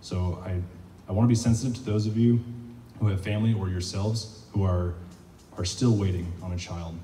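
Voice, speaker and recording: A man with a low voice speaks to the congregation in an earnest, encouraging tone. He sounds like he is standing far from the mic. A long reverb hangs in the large church hall. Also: steady tone, moderate pace, mellow, a little hiss or hum. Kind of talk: sermon. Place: church sanctuary.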